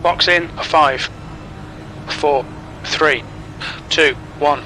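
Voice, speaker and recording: A man's voice: extremely slow, exaggerated voice, poor audio. A man voicing a race engineer who gives terse, clipped pit radio calls in a matter-of-fact way. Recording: loud engine rumble behind the voice. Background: racing car engine rumble.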